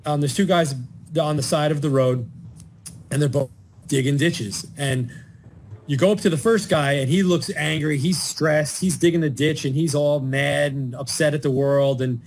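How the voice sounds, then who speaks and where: A man's voice: fairly high pitch, steady tone, moderate pace, a little hiss or hum. A middle-aged man, a mental health and addiction counselor, giving earnest advice in an informational talk and telling stories with animation.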